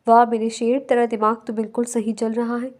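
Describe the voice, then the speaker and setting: A woman's voice: fairly high pitch, monotone, lightly acted. A woman reading the lines of a stubborn, teasing young man in an audiobook novel. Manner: mocking, stubborn.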